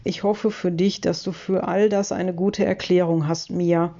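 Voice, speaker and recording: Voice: mid-range voice, flat delivery, a little slow, gravelly, mellow, muffled recording. A reader voicing a firm, irritated man in an audiobook.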